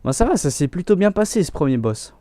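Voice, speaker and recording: This young man hosts a let's play with a high-pitched voice and a quick pace. He chats casually about his gameplay, relaxed, and often restarts what he's saying.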